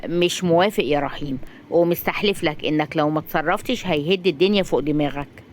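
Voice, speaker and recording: A woman's voice: sits low, quick pace, slight background noise, pitched below the performer's own voice, lightly acted. A woman with an Egyptian accent voicing a pushy, joking male friend who talks urgently and persuasively.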